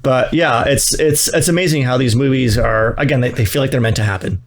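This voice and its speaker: A man's voice: medium pitch, fairly quick. Rambling, chatty male podcast host. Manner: chatty, rambling with fillers and restarts. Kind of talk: casual movie podcast chat.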